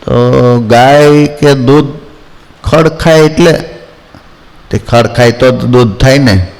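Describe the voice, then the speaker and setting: A man's voice: mid-range voice, slow, darkish tone, in a large hall, rough recording. A man giving a folksy devotional discourse, telling anecdotes and acting out villagers in quoted voices. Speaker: spiritual storyteller.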